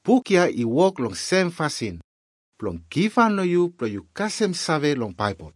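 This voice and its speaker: A man's voice: on the high side, big pitch swings, unhurried, no echo, studio quality. A man with a Melanesian Pidgin accent, narrating a scripted Bible lesson as its presenter.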